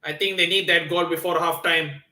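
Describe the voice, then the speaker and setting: Here a man from Nepal, not a native Hindi speaker, runs a football watchalong stream, talking fairly quickly in a slightly high voice with a roomy sound. Excitable, he comments on the game and responds to viewers, often restarting and using fillers.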